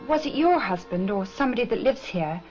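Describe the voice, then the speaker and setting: A woman's voice: a little high, animated, fairly quick, darkish tone, soft background music, close to an everyday voice. An actress playing an anxious young woman searching for her missing friend, asking urgent, pleading questions. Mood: earnest. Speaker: actress in a 1960s horror film. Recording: dull 1960s film soundtrack.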